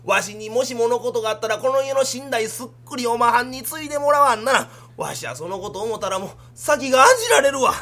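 A man's voice: very high-pitched, fast talker, few pauses, pushed and bright, heavily acted. A man voicing a fretful older merchant father with a Kansai accent, scolding his son in rakugo storytelling. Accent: Kansai Japanese. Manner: scolding, exasperated.

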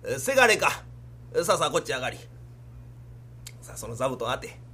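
A man's voice: medium pitch, sing-song, a little fast, bright, forceful tone, a little hiss or hum, voice pushed down. A man voicing a fretful older merchant father with a Kansai accent, scolding his son in rakugo storytelling. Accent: Kansai Japanese. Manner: scolding, exasperated.

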